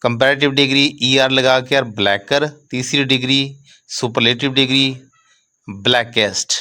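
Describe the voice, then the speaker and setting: Slow, bright-voiced male grammar teacher. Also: medium pitch. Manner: slow, deliberate, spells out letters and reads English rules word by word. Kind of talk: classroom grammar lecture.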